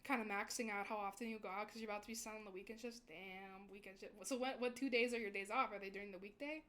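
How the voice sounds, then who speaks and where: A woman's voice: medium pitch, fairly even intonation, quick pace, fairly bright tone. A young woman VTuber chatting casually with her stream viewers, rambling and giggling often.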